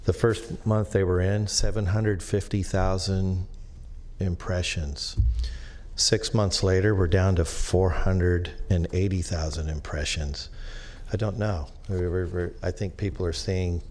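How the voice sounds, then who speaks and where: A man who serves as a business district treasurer, addressing a county board haltingly with many restarts, in a meeting chamber at a podium microphone. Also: deep voice, fairly even intonation, a little mellow. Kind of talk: public comment at a government meeting.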